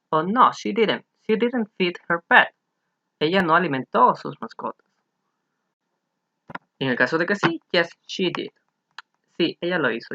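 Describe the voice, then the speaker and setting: Young Salvadoran man, English teacher, bright higher voice, dull lo-fi recording. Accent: Salvadoran Spanish. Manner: explains slowly, repeats English words for pronunciation. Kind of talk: recorded online lesson.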